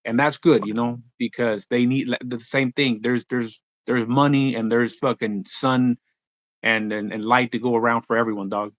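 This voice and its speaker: A man's voice: medium pitch, fairly even intonation, moderate pace, no echo. A Mexican-born man who grew up in California, speaking, talks casually as a rap artist guest, full of slang and restarts. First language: Spanish. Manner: laid-back slang-heavy talk, many restarts. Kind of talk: casual interview chat.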